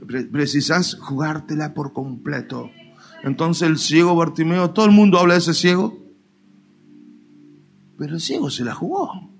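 Man, Argentine Spanish accent, pastor preaching, fairly high voice, animated, faint music underneath. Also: normal speed, vocal fry, long pauses. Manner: lively, colloquial preaching with mock dialogues and asides. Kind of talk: sermon. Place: church.

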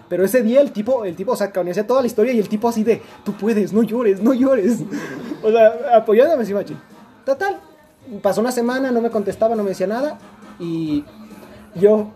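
Fast-talking Mexican young man, rambling. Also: sits high, dark tone. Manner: rambling, slangy, many restarts. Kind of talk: casual storytelling chat.

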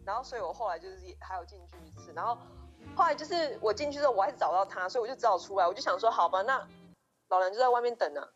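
A young woman co-hosting a podcast eagerly retells a story in casual chat, restarting often and quoting dialogue. Her medium-pitched voice is expressive and racing. The sound is lo-fi, with faint music behind her.

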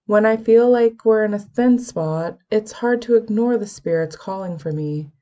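A woman voicing a calm young medium who speaks quietly and evenly, at times in a near whisper. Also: mid-range voice, highs cut off, voice pushed up, natural voice. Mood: measured. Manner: quiet, measured, sometimes whispering.

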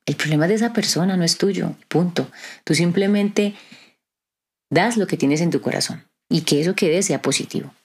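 Lady talking on her podcast, pretty low voice, chatty and a bit preachy. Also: normal speed, breathy edge. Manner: conversational, preachy, asks listeners rhetorical questions. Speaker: podcast host. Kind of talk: reflective podcast monologue.

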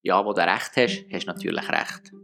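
A man's voice: low-pitched, brisk, vocal fry, pushed and bright. A man with a Swiss German accent hosting a podcast in a conversational moderating style. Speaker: podcast host. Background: music.

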